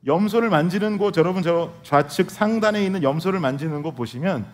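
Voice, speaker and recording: A man's voice: high-pitched, fairly quick, a little mellow. A male pastor preaching a sermon, telling a humorous family story and speaking directly to his congregation. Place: church sanctuary.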